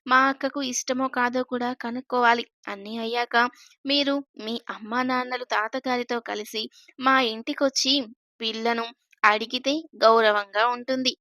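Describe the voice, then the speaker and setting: A woman's voice: on the high side, fairly even intonation, moderate pace, pushed and bright, dry recording, clean studio sound. A woman voicing a cheeky, bantering young woman in a storybook reading. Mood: playful. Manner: laughing, bantering.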